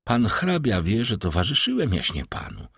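A man's voice: on the low side, wildly swooping pitch, moderate pace, gravelly, husky, no echo, studio quality, voice pushed up, exaggerated voice. Man voicing a deferential servant. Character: deferential male household servant.

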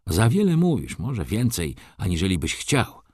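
A man's voice: low voice, very animated, a little slow, darkish tone, no echo, studio quality, exaggerated voice. A man voicing an old male clerk, dreamy yet blunt, who talks insistently. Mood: pressing. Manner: pressing, insistent.

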